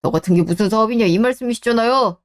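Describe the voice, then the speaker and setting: A woman's voice: on the high side, quick pace, close to an everyday voice. A woman voicing a stubborn, defensive younger husband who argues indignantly with his mother in a radio drama.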